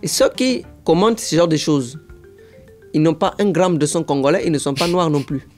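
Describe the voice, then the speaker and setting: A young man, an impressionist guesting on an interview, talks casually at a moderate pace in a voice on the high side, with faint music behind him. He tells stories with energy and slips into voices and accents now and then.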